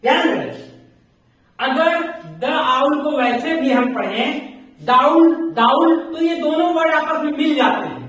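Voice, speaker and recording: Male grammar teacher, slow repetitive drilling, very reverberant room, distant mic. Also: very high voice, fairly bright tone. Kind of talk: classroom grammar lesson. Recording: very echoey room, mic far off.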